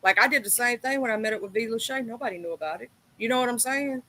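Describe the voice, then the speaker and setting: A woman, chatting casually in a relaxed, slangy way. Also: on the high side, fast talker, a little hiss or hum. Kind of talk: casual chat.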